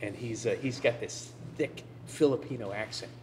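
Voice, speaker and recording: A man telling animated anecdotes on a panel at a live venue, acting out the people he quotes. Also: mid-range voice, normal speed, noisy background. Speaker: panelist, fantasy illustrator. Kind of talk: casual panel chat.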